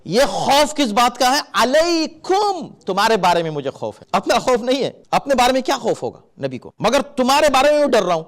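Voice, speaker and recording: A middle-aged man explaining Quran verses in sermon style, animated and acting out warning calls in his examples. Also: very high-pitched, hardly any pauses. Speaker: Islamic scholar giving Quran commentary.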